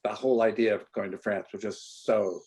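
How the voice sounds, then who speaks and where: A man being interviewed as an author, telling animated stories and often restarting his sentences. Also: fairly low pitch, creaky. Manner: halting, many restarts and repeated words; animated storytelling. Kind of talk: conversational interview.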